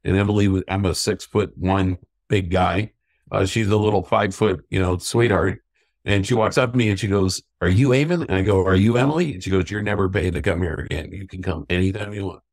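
Dry, low-voiced chatty male storyteller. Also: fairly even intonation, fairly quick, no room sound. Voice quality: self-described stubborn Irishman. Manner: chatty anecdotal storyteller, acts out quoted voices. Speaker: sangria company owner. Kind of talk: casual interview storytelling.

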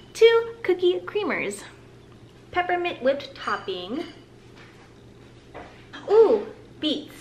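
High-voiced woman chatting through a grocery haul. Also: a bit bright. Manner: chatty, upbeat, lingers on some words. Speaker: vlogger. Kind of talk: casual grocery haul vlog. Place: living room at home, indoors. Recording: roomy home audio with background hiss.

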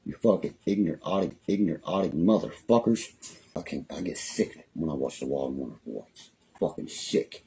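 A young West Virginian man with a very deep, dark, creaky voice and a breathy edge rants at a fairly quick, animated clip. He is livestreaming on his phone from a small room at home, rambling angrily, making threats and swearing constantly.

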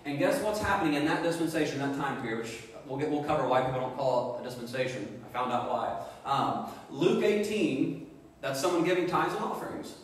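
A man's voice: on the high side, a little fast. A man preaching a sermon as pastor, emphatic and full of rhetorical questions. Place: church sanctuary. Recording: echoey hall reverb.

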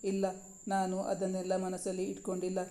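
A woman voicing a playful, doting young husband in a spoken story, teasing and coaxing in a flat, mellow voice. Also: fairly low pitch, fairly quick, lightly acted.

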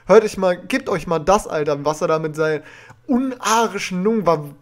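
A young man hosts a reaction video from a small room at home. His voice sits a bit high. He talks confrontationally and indignantly, swearing as he calls out a rival. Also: fairly quick. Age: young adult. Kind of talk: reaction commentary, addressing a rival.

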